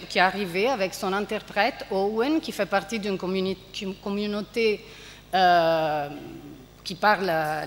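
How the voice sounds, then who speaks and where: Woman lecturer, mid pitch, halting delivery with fillers, recorded in a lecture hall with long reverb. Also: fairly bright tone, a little hiss or hum. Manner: hesitant, many fillers, reads out quotes. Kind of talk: university lecture on translation.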